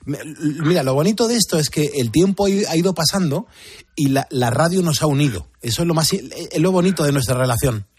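A man from Spain with a husky voice, hosting live radio and talking with a listener. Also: on the high side, animated, quick pace, no echo, studio quality. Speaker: radio host.

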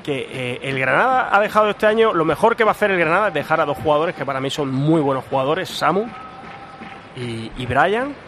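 A man with a Spanish accent from Spain analysing a live football match in a halting, exasperated way, repeating words. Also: a little high, expressive, a bit bright. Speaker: football pundit. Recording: noisy stadium commentary position. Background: crowd and ambient noise.

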